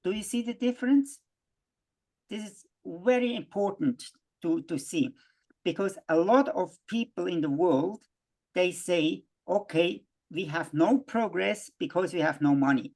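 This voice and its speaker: A man from Switzerland, giving a halting worldview lecture full of restarts and fillers. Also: sits high, a little mellow.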